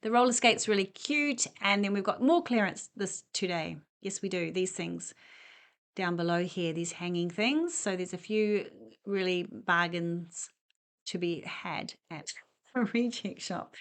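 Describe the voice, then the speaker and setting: This time the vlogger speaks at a measured pace in a fairly low voice. She's a middle-aged woman making an easygoing discount-store walk-through video, rambling along and making light of herself as she goes.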